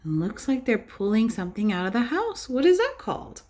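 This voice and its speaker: A teacher with a slightly high voice reads a picture book to young children. She speaks expressively and instructively, regularly pausing to ask them things.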